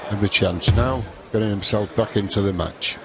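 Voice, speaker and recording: Male co-commentator, deep voice, short plain interjections on darts, crowd in background. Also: fairly quick. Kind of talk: live sports commentary. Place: commentary position at darts event. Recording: crowd noise behind commentary.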